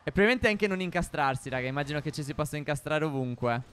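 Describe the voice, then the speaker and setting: Bright, animated male gamer. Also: a little high, fast, a little hiss or hum. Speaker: gaming video co-host. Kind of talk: casual gameplay commentary.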